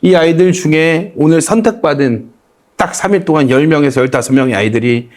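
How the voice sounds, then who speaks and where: A man with a high voice tells his faith story in relaxed conversation. He acts out his own prayers with feeling. Now and then he breaks into lines of a hymn. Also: fairly quick. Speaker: guest comedian sharing testimony. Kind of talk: emotional testimony in a casual chat.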